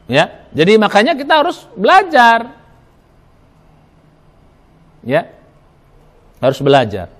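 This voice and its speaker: An Indonesian male preacher delivers a Ramadan sermon in a mosque, his high, fairly bright voice swinging hugely up and down to stress each point. Speaking slowly with long pauses, he spells out Arabic letters one by one and answers the questions he puts to his listeners.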